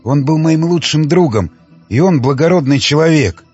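A man's voice: a little high, animated, normal speed, darkish tone, breathy edge, faint music behind. Man doing a brash young survivor. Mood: grieving. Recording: dull lo-fi dry recording.

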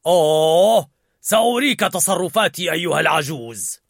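A hot-headed emotion called Anger, acted by a man, spitting out his words loud and slow. The voice sits higher than a plain speaking voice and has a seething edge. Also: animated, gravelly, dry recording, clean studio sound, exaggerated voice. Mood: furious.

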